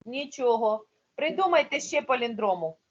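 A woman's voice: on the high side, animated, moderate pace, highs cut off. A woman teaching a primary school class online, explaining patiently step by step.

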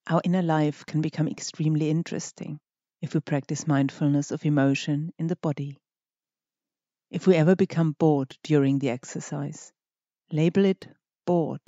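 A meditation guide with a mid-range, mellow, relaxed voice gently leads the listener through each instruction, pausing deliberately between short phrases in a measured delivery. The recording is close and dry, with a slightly dull tone.

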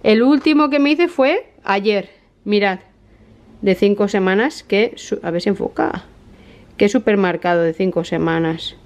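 A woman in her thirties with a Spain Spanish accent, chatting excitedly to camera in a casual vlog. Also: mid-range voice, measured pace. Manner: chatty and excitable, often laughing. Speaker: vlogger.

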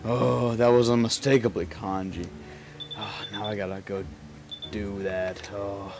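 A young man with a lisp, apparently a let's play commentator, rambles and jokes while playing a video game, with music in the background. His voice sits on the low side with little pitch movement, and he talks at a measured pace in casual gameplay commentary.

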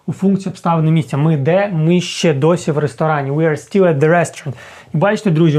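A man teaching an English lesson, patiently explaining and repeating sounds slowly to demonstrate them. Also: on the high side, darkish tone.

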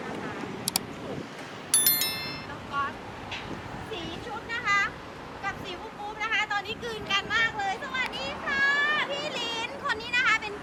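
Very high-pitched woman giving gushing sales patter. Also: expressive, a little slow, long pauses, a loud crowd. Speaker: motorbike shop sales host and presenter. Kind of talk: chatty sales walkaround vlog. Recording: noisy handheld recording with vehicle sounds.

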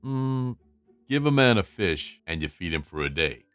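A man voicing a big, gruff but patient guard dog with a deadpan, weary manner in a comic dub. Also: lowish voice, moderate pace, no room sound, soft background music. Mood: stern.

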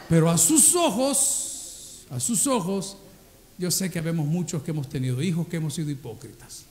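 A Salvadoran-accented pastor preaches with a fairly high voice, swinging between jokes and earnest appeals. He tells stories with humor and acts out the voices of the people in them. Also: fairly quick, slight background noise. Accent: Salvadoran Spanish. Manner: lively, humorous storytelling that acts out dialogues. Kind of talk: sermon.

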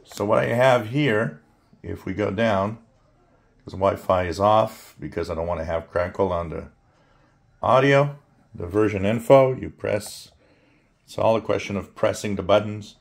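A man giving a casual hands-on gadget demonstration as a reviewer, thinking aloud in halting short phrases. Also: lowish voice, creaky. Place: indoors at a wooden table.

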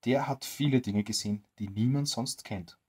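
Jolly, crafty tramp, friendly and coaxing, slightly husky tone, read by a storyteller, a bedtime storybook role. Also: mid-range voice, normal speed, darkish tone, close to an everyday voice. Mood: sly. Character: cheerful cunning male tramp.

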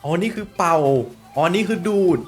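A man giving animated, jokey commentary while playing a VR game, often addressing his viewers. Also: high-pitched, brisk, soft background music. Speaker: gaming YouTuber. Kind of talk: playful VR gameplay commentary.

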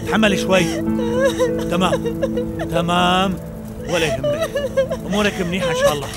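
An actor dubbing, in a Levantine Arabic accent, a frantic man taking charge at a fire scene, shouting orders and soothing in between. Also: high-pitched, wildly swooping pitch, fairly quick, loud music behind the voice. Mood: urgent.

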